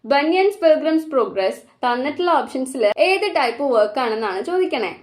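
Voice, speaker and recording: A woman with a Malayali accent who reads out exam questions slowly and then explains the answers at a quick pace. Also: high voice, very animated. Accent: Malayali English. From Kerala, India. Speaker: exam prep teacher.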